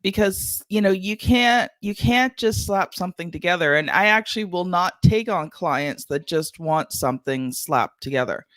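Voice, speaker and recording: A woman hosting an interview podcast, talking briskly about her work and steering the conversation. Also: lowish voice, animated, fairly bright tone, no echo. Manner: brisk, affirming. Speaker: podcast host.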